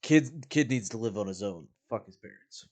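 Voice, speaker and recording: A man's voice: on the low side, expressive, moderate pace, crowd noise. A man playing a tabletop game, speaking bluntly and curtly in character. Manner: blunt, curt. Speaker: player. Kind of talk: casual tabletop play.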